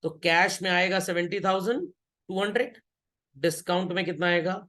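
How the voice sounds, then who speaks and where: A male accountancy teacher with a high-pitched voice lectures a class, teasing and joking with the students as he works problems. He slips back and forth between Hindi and English. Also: moderate pace, bright, forceful tone.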